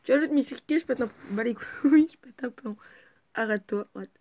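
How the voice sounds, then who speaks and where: Brief: a woman with a somewhat high voice reads a fan story aloud at home. She keeps breaking off into chatty asides and swears freely. Her remarks jump up into loud, excitable bursts. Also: a little fast. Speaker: reader of a fan fiction. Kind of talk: casual reading aloud with chatty commentary.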